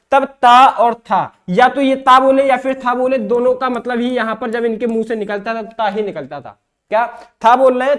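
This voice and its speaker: A man's voice: very high voice, fairly bright tone. A male teacher with an eastern Uttar Pradesh Hindi accent giving an exam-prep lecture, often asking questions and answering them himself. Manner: repeats himself, asks and answers his own questions.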